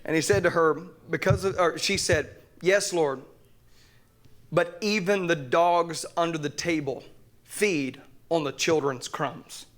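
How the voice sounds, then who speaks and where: A young man preaching a sermon in church, joking and fervent, swinging between loud preaching and quiet asides. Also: a little high, a little slow. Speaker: pastor. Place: church sanctuary.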